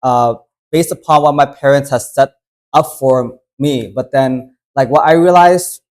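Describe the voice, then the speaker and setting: A man who grew up in the United States leads a workshop in a relaxed, talky way. He strings his thoughts together with plenty of "you know" and "uh." His voice sits at an ordinary middle pitch. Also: a little slow. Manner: conversational, loose, many fillers. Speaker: workshop host. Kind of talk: casual workshop talk.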